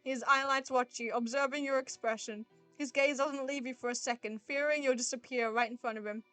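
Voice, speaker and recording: A woman streamer with a fairly high voice reads a dating game aloud and reacts with gushing, excitable outbursts. She flips between narrating and squealing, with faint music under her voice. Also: fairly quick, clear, resonant tone, no room sound. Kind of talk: live game playthrough with reading aloud.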